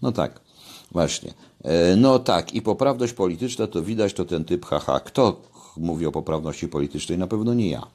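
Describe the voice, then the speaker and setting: An older man with a fairly low voice talks casually into a webcam at home. He speaks conversationally and lifts his voice when stressing a point. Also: lively intonation, moderate pace, darkish tone. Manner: conversational, rising emphasis on key points. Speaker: commentator. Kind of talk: casual commentary to camera. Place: home kitchen, indoors. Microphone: webcam at desk.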